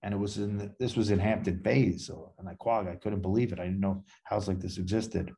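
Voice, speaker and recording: A man's voice: low voice, steady tone, brisk, dark tone. A man, a podcast guest telling rambling anecdotes and acting out the dialogue in them. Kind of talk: casual storytelling interview.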